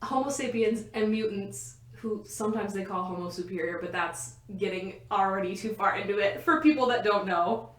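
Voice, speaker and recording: Young woman, podcast co-host, giggly, rambling, roomy bedroom echo. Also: mid-range voice. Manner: giggly, rambling, often laughing mid-sentence. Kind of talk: casual podcast chat. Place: a bedroom at home.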